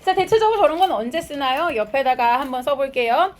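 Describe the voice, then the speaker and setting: A woman teaching high school English, explaining a textbook passage in a lively lecture and reading out English phrases as she asks her students questions and answers them herself. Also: quick pace. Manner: switches between Korean explanation and English phrases.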